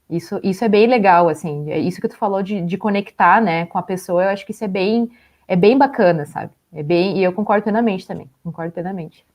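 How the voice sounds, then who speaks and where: A woman's voice: mid-range voice, a little mellow. A young woman co-hosting a live stream, chatting casually and laughing lightly while she walks through photos. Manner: chatty, with many fillers and small laughs. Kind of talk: casual chat showing photos.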